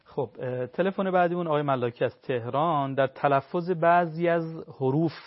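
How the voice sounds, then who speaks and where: Man hosting call-in radio, lo-fi. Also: fairly high pitch. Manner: measured, relays questions, brief affirmations. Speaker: radio host relaying callers' questions. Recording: dull lo-fi radio broadcast.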